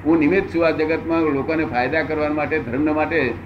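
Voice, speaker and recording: A man in his seventies answering questions as a spiritual teacher, unhurried and repeating phrases for emphasis. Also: a little high, steady tone, highs cut off, noisy background. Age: 70s.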